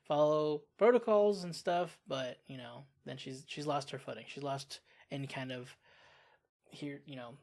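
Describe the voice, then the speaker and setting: Expressive casual TV reaction host. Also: mid-range voice, unhurried. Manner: expressive, exclaims and sighs often.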